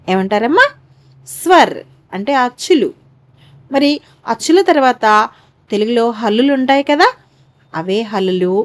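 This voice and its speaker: A woman teaching a Hindi lesson to young pupils, saying each word twice and coaxing them to repeat after her. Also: a little high. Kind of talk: slow Hindi lesson for children.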